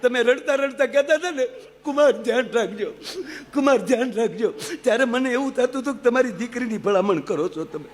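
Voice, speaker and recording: A man voicing an earnest young son-in-law, speaking a little above his own pitch. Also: lively intonation, brisk, in a large hall.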